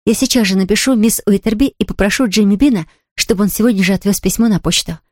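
A woman reading aloud, voicing an eager, chatty young girl who talks in quick exclamations. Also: medium pitch, a little mellow, dry recording, clean studio sound, natural voice. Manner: breathless, rapid, exclamatory.

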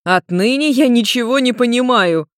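A woman's voice: on the high side, animated, normal speed, no room sound, voice pushed up, natural voice. Woman voicing a brusque young man, storybook, dry recording. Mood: exasperated. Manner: blunt and demanding. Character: hot-tempered young red-haired man.

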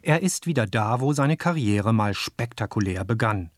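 A man reading scripted radio narration and voicing over an interviewee's words in an even, measured way. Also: on the low side, no room sound. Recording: dry studio voice.

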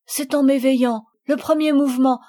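A woman's voice: high-pitched, steady tone, normal speed, mellow, voice pushed up, close to an everyday voice. A woman voicing a young boy in an audiobook, speaking in a pleading, tender way. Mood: tearful fervent. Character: young boy, earnest and anxious, loving.

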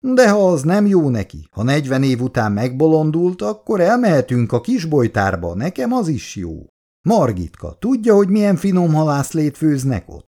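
A man's voice: on the high side, wildly swooping pitch, mellow, voice pushed up, exaggerated voice. A man voicing a jovial, roguish old family friend who teases and grumbles reproachfully. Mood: jovial teasing.

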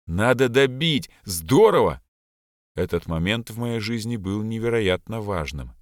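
A man narrating a first-person memoir in a reflective, expressive reading. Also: on the low side, no echo, studio quality. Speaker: audiobook narrator.

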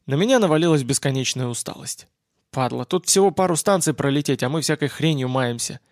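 A man's voice: medium pitch, animated, a little fast, no echo. A man narrating a first-person audiobook in a wry, weary way, close to the mic. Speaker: audiobook reader.

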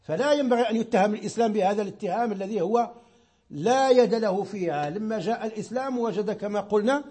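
Speaking quickly in a high, warm, husky voice, this Moroccan man is a sheikh delivering a lesson on Islamic law. He explains patiently, often repeating words as he searches for them.

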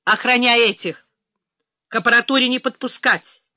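A woman narrator voicing a tough, commanding male agent who speaks slowly through clenched teeth. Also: fairly high pitch, pushed and bright, no echo, studio quality, voice pushed up. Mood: grim.

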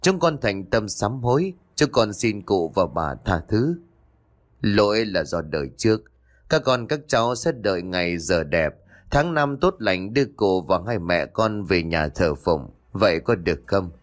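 A man voicing a calm, gentle young male Buddhist exorcist who speaks in a measured, persuasive way. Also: low voice.

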